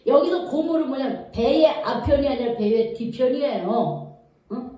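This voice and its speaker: With a high, warm voice at a normal speed, a woman preaches a sermon in a church sanctuary, bringing a story to life and quizzing the congregation as she goes. The recording has an echoey hall sound from a distant mic.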